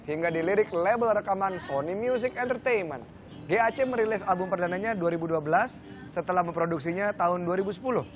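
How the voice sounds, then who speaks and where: A man's voice: sits high, quick pace. A man, presenting casually and jokingly as a talk show co-host. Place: lively cafe interior. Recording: music and chatter behind the voice.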